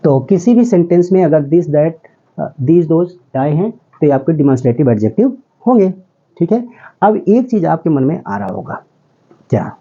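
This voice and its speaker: In a classroom lesson, a man explains English grammar step by step, frequently asking "ठीक है?" to see if students follow and calling them "beta". His voice is fairly high, sing-song, mellow, and husky at a moderate pace, recorded with lo-fi sound.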